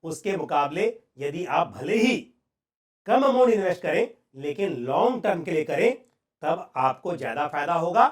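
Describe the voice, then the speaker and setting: A man with an Indian accent explaining personal finance to viewers, deliberately and with emphatic pauses. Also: on the high side.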